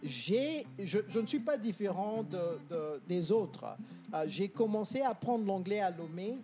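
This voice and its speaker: A man's voice: high voice, animated, a little slow. A man, an English coach explaining confidently on a talk show, with many hesitations. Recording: TV studio with music playing behind.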